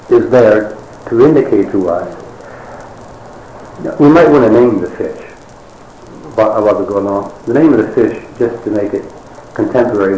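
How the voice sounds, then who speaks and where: A man's voice: lowish voice, dark tone, slight background noise. Wry male preacher in echoey room. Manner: wry, conversational storytelling with dramatic pauses. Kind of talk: sermon.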